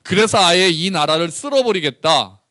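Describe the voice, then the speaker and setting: A man's voice: animated, moderate pace, pushed and bright, no room sound, clean studio sound. A man voicing an indignant male prophet who complains to God and demands an answer. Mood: indignant pleading. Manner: complaining, demanding, rising pitch.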